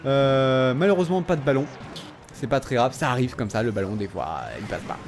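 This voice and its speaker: A tired man casually commenting on his own game, excitable and talking to himself and his opponent. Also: mid-range voice, a little fast, a little hiss or hum. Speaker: gaming video host.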